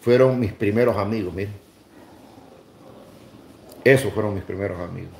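In a small indoor room with a roomy echo, a middle-aged man with a Salvadoran accent hosts a livestream, chatting and commenting casually. He often repeats phrases for emphasis. His voice is fairly low, gravelly and slightly mellow, at a normal speed.

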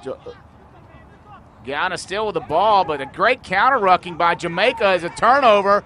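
High-pitched, expressive, and pushed bright, this man calls a youth rugby game at an outdoor field at a moderate pace. He provides live play-by-play commentary, explaining the rules along the way and getting louder whenever a big play happens.

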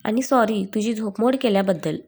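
A woman's voice: medium pitch, a little fast, slightly rough. A woman voicing a kindly, motherly middle-aged aunt in a storybook reading. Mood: gentle. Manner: gentle, motherly.

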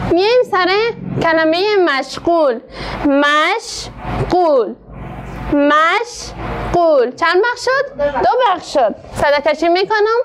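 A woman with an Afghan Dari accent teaching a literacy class. She sounds out words slowly, syllable by syllable, and keeps asking the class questions. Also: very high voice, a bit bright, slight background noise. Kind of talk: classroom lesson.

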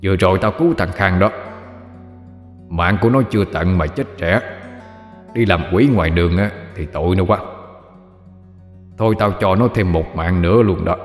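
A man voicing the kindly, teasing ghost of an old great-grandfather, speaking softly and low. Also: moderate pace, long pauses, roomy sound, long reverb tail, soft background music, lightly acted. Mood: gentle, fond. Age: older. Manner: soft, low, gently scolding.

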